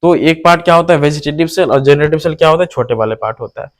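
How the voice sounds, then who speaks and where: Here a man with a higher-leaning voice delivers rapid-fire speech during an online biology lesson. Calling the viewer "hero," he asks students questions, supplies the answers himself, and keeps repeating key terms.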